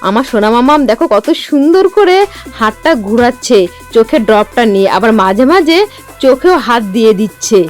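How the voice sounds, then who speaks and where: A doting woman narrates her home vlog in a high, gentle voice. She talks straight to the viewers in a tender way. Clear music plays under her words throughout. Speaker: mother and vlogger. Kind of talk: fond voice-over narration.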